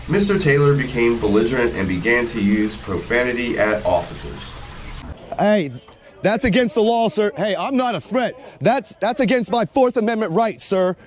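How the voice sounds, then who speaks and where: An American video blogger and police auditor in his forties narrates footage in a casual, confrontational way, full of sarcasm and swearing. His voice is on the high side, with slight background noise.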